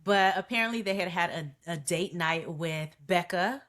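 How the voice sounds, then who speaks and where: A woman co-hosting a podcast, chatting casually and animatedly about a reality show. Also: lowish voice. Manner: animated, quotes people in quick put-on voices. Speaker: podcast co-host.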